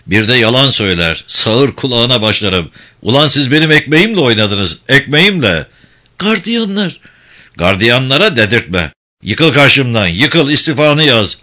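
A reader in a spoken story voices a volatile male prison director who is furious, blustering and making threats. The voice is bright and lively, swinging up and down, at a medium pitch and an unhurried pace.

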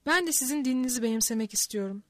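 A woman reading the part of a scheming, menacing male nobleman in an audiobook, in a smooth, threatening way, recorded close and dry. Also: a little high, animated, rapid-fire, fairly bright tone, dry recording.

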